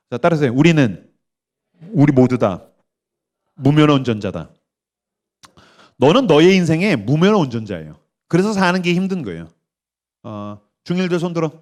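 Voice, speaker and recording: Animated man in his forties preaching. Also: a little high. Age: 40s. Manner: animated, acts out quoted voices, leads call-and-response. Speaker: pastor. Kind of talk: lively youth camp sermon. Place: church stage at a summer camp.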